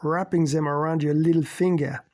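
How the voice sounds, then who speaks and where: A man's voice: fairly high pitch, fairly even intonation, normal speed, a little mellow, lightly acted. Man doing a mocking woman. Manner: mocking, cutting. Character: sharp-tongued French woman, flirtatious and cool.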